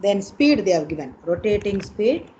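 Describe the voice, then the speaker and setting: A woman's voice: mid-range voice, big pitch swings, normal speed, mellow. A woman with an Indian accent teaching an online engineering exam class, repeating points and checking in with students. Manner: repetitive, instructive, checking in with students. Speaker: engineering lecturer. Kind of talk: online exam coaching lesson. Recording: dull lo-fi online call with noise.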